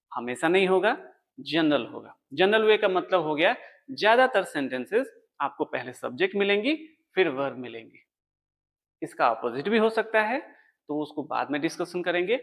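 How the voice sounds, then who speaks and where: A man's voice: a little high, fairly bright tone. A man teaching an English grammar lesson, explaining step by step and answering his own questions. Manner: writes on a board while explaining.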